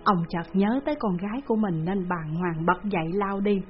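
A woman narrates a spooky folk tale, measured and dramatic. Her pitch sits in the middle, and the recording is dull and lo-fi. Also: faint music behind. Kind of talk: storytelling narration.

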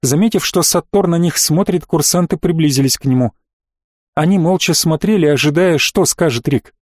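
A man reading an audiobook as narrator in even, measured storytelling. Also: a little high, no room sound, clean studio sound. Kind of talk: scripted narration.

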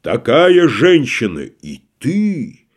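Man reading pompous tragic actor, theatrical, declaiming, lively swooping pitch, audiobook play. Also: extremely slow, breathy edge, full character voice. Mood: indignant declaiming.

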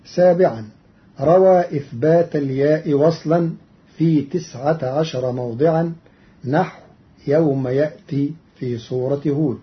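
A man giving a formal scholarly explanation of Quran readings in a measured, deliberate way, on a dull lo-fi recording. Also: fairly high pitch. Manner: measured and deliberate, chanting quoted verses.

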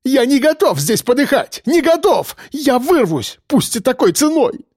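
A man's voice: big pitch swings, a little slow, no echo, clean studio sound, exaggerated voice. A man voicing a panicking male police captain who shrieks and stammers in desperation. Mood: hysterical. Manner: shrill, screaming and stammering.

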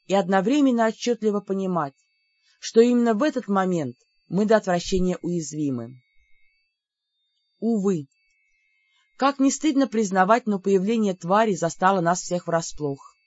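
Audiobook narrator, even measured fantasy reading, dry close sound, slightly dull recording. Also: mid-range voice, no room sound. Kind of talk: scripted fantasy novel narration.

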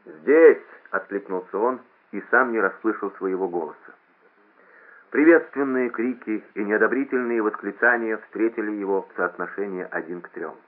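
A man reading a novel aloud in a steady, measured narration. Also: lowish voice. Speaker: audiobook reader. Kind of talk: scripted narration. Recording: lo-fi phone-like audio.

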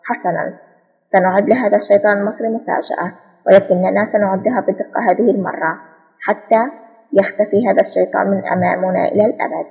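A woman reading the lines of a scheming male spy chief villain in an audiobook, calm and mocking. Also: medium pitch, fast talker, vocal fry, husky, in a large hall, highs cut off. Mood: scornful.

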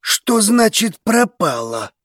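A man's voice: high voice, sing-song, unhurried, darkish tone, slightly rough, no room sound, clean studio sound, voice pushed up, heavily acted. A man voicing a brooding, possessive dragon in human form, speaking in clipped, restrained tones. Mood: restrained insistence. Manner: tense, clipped, growling.

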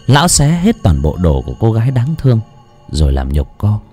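A man's voice: on the low side, wildly swooping pitch, mellow, slightly rough, faint music behind. A man narrating a horror story in a dramatic, ominous manner. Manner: dramatic, slow and ominous at times.

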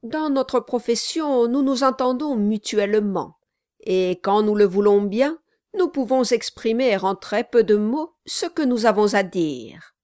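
A woman's voice: fairly high pitch, animated, a little slow, darkish tone, no echo, clean studio sound. A woman voicing a formal, triumphant male notary who speaks firmly and emphatically, in an audiobook. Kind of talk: audiobook reading.

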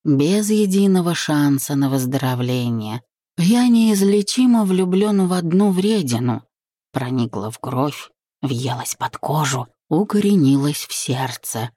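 A woman reading the part of a young husband and boss who is teasing, commanding and tender by turns, in a low, mellow voice. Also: sing-song, measured pace, dry recording, studio quality, full character voice. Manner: playful, bossy, tender. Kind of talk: audiobook reading.

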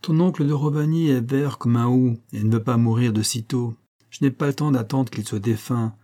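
A man reading aloud, voicing a gruff, stubborn older father who scolds and refuses curtly in a rough voice. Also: mid-range voice, moderate pace, mellow, natural voice. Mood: stubborn refusal. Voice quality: rough, growling. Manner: scolding, curt and domineering.

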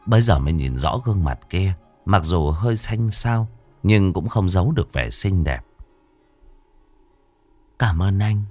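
A man narrating a ghost story in a dramatic, expressive way. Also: deep voice, moderate pace. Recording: faint background music.

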